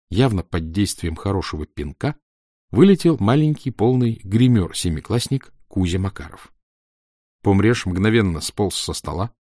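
A man narrating an audiobook in an expressive storytelling manner. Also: on the low side, no echo, studio quality.

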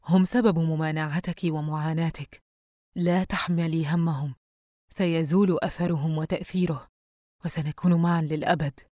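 A woman voicing a possessive male demon of shadow in an audiobook, speaking in a slow, measured, ominous way. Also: deep voice, steady tone, dark tone, no room sound, studio quality, lightly acted.

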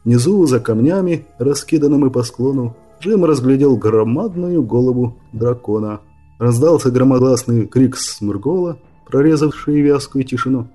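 A man narrating a fantasy audiobook in a steady, measured way. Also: medium pitch, soft background music.

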